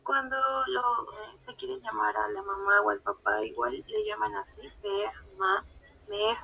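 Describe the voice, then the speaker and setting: A woman's voice: mid-range voice, expressive, measured pace, gravelly, pushed and bright, a little hiss or hum, rough recording. A woman student, asking her teacher a question in class and hesitating as she searches for words.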